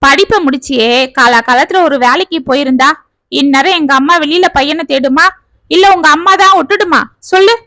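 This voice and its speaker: A woman doing a bold young village girl from a storybook, sharp-tongued and scolding, her voice high and bright. She talks close to the mic in a dry, deadened space. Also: moderate pace, dry recording. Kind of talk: storybook reading.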